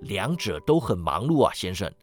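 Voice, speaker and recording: A man voicing a polite gentleman collecting for charity, who speaks calmly and courteously. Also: fairly low pitch, moderate pace, no echo, faint music behind, pitched below the performer's own voice. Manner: calm, courteous.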